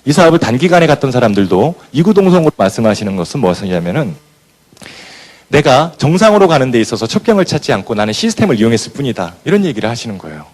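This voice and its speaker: A fast-talking man with a medium-pitched voice gives a motivational speech to business partners. He's an animated storyteller, acting out scenes as he tells his stories.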